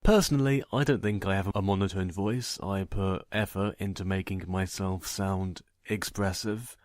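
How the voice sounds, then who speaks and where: Low, monotone man, dry and deadpan. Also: normal speed, no echo. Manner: fairly monotone, plain matter-of-fact delivery. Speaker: narrator and video creator. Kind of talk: personal vlog monologue, voice only.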